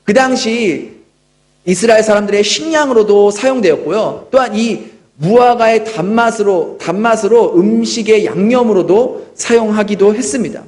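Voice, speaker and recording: A pastor in his thirties delivers a sermon in a church. His voice sits very high for a man. He talks earnestly, like a storyteller, and keeps turning to his listeners with rhetorical questions. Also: normal speed, darkish tone. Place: church sanctuary.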